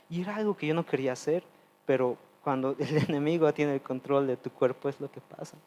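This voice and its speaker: A man delivers a testimonial sermon in an earnest, confessional way, shifting between loud pleading and soft, low asides.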